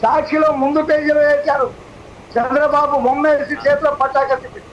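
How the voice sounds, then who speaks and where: A man's voice: extremely high pitch, little pitch movement, fairly quick, dull audio, a little hiss or hum. A man arguing as a panelist in a TV debate, accusatory and firing rhetorical questions. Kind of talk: heated TV debate argument.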